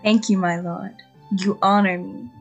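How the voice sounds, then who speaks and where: A woman's voice: medium pitch, steady tone, a little slow, faint music behind. A woman voicing a polite young princess. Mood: respectful.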